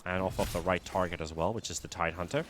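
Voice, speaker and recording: A man's voice: sits low, fairly even intonation, fast, fairly bright tone. A man who is under the weather, giving live play-by-play commentary on a video game match. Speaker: esports commentator. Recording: noisy, game battle sounds behind.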